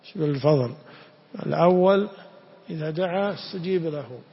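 A man's voice: a little high, normal speed, breathy edge. A man teaching a religious lesson, reading a text aloud, explaining it and putting questions to his students. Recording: echoey hall, dull lo-fi sound.

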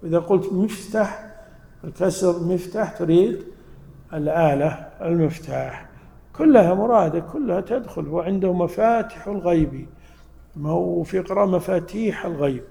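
Gravelly man teaching in an echoey room. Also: high voice, warm tone. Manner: explains slowly, stops to check words with students. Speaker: teacher of Quran interpretation. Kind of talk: classroom lesson. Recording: echoey room, long reverb.

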